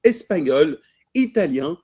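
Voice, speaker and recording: A man's voice: on the high side, sing-song, slow pace, warm tone, slightly rough, dull audio. A man hosting a webinar and interviewing a guest in a friendly, reassuring way over a video call. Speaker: webinar host.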